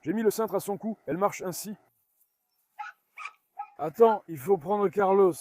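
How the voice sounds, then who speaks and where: A man with a noticeably high voice films a casual farm vlog outdoors. He coaxes and calms his dogs in between remarks to his viewers, and dogs can be heard around him. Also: a little slow, a little hiss or hum. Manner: coaxing and calming dogs while chatting to viewers. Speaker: dog owner filming at his farm. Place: farmyard outdoors.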